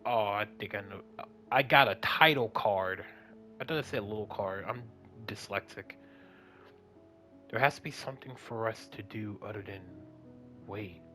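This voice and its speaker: Excitable man playing a video game. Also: on the low side, normal speed, soft background music. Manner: excitable, playful, swears, bursts loud when reacting. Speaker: let's play gamer. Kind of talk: gameplay commentary and reading game text aloud.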